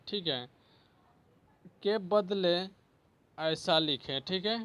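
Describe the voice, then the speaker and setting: Slow, bright-voiced male teacher. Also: sits high. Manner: slow, repeats words and says "ठीक है" often. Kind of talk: spelling lesson.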